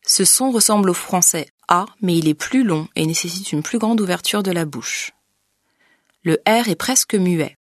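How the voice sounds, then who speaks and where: A woman narrating a scripted pronunciation lesson as a teacher. She speaks in a clear, methodical way and slows down to model each sound. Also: on the low side, animated, dry recording, studio quality. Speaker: language teacher.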